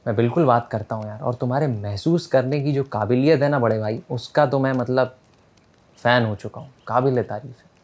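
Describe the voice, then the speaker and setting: A man voicing a smooth-talking male royal envoy who coaxes prisoners in a casual, friendly way. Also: mid-range voice, brisk, a little mellow, lightly acted. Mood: coaxing. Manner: coaxing, casual, calls people friend.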